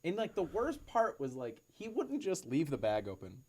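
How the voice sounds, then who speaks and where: Animated, laughing male podcast co-host. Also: on the high side, normal speed. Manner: animated, profane storytelling with frequent laughs. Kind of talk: casual chat. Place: home room with cats nearby.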